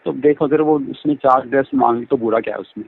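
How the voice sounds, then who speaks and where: Over a band-limited phone line, a man with a medium-pitched, gravelly, slightly rough voice talks a little fast. He flirts in a chatty mix of Hindi and English, gushing and repeating himself.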